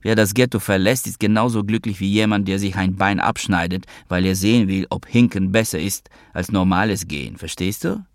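A man voicing a troubled, world-weary young woman in an audiobook, speaking softly and subdued. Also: sits low, fairly even intonation, fairly quick, hardly any pauses, no room sound, studio quality. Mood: bitter.

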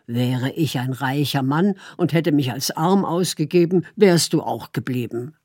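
A woman's voice: sits low, measured pace, no room sound, clean studio sound. A woman doing a helpless, guilty young fisherman. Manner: quiet, trembling, helpless.

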